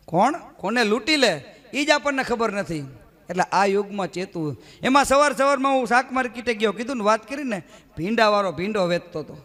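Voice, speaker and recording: A man's voice: fairly quick, in a large hall. A man doing live stand-up, telling jokes and acting out the dialogue with big jumps in his voice. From Gujarat. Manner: animated storyteller acting out dialogue with jumping pitch. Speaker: stand-up comic. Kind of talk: live folk stand-up storytelling.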